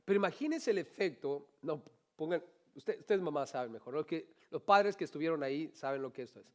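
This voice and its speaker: A man preaching a sermon as pastor, animated, asking the congregation rhetorical questions and adding playful humorous asides. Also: on the high side, a little fast.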